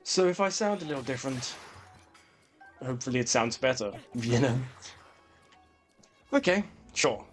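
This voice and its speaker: A man's voice: mid-range voice, lively intonation, moderate pace, long pauses, soft background music. A man hosting a comedic video essay on games, sarcastic and sweary, mixing scripted commentary with rambling asides.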